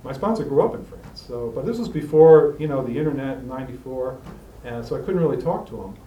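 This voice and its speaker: A middle-aged man sharing his recovery story with a group, halting and rambling with many fillers and restarts, recorded in a meeting room. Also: medium pitch, lively intonation, mellow, lo-fi sound. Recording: roomy, distant mic with faint hiss.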